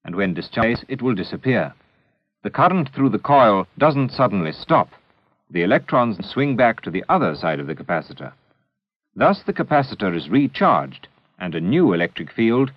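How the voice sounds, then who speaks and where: On an old 16mm film soundtrack, a man narrates a scripted educational film, measured, deliberate and didactic. His voice sits lowish, and the lo-fi sound carries no echo.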